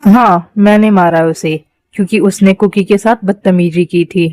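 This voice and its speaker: A woman's voice: mid-range voice, steady tone, unhurried, darkish tone, no room sound, lightly acted. A woman voicing a possessive, menacing young man in a Hindi fan-dub drama, commanding and controlling. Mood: cold.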